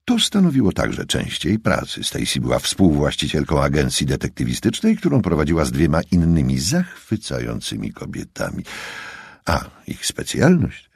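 A man narrating an audiobook in a lively, expressive reading. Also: a bass voice, normal speed, creaky, slightly rough, no echo, studio quality.

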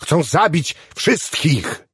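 A man voicing an agitated, shrill young male officer who shouts his words out slowly and excitedly. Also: husky, no echo, clean studio sound, exaggerated voice.

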